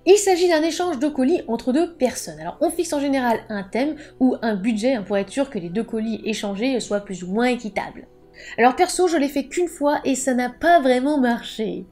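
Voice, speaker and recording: A woman's voice: sits high, animated, normal speed, a little mellow, soft background music. A woman book vlogger explaining terms in a casual, playful way, with jokey asides.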